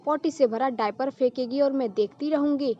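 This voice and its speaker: A woman voicing a loud, accusing, quarrelsome neighbor woman, on a dull lo-fi recording. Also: high voice, moderate pace, close to an everyday voice. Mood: angry. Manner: shouting, accusing.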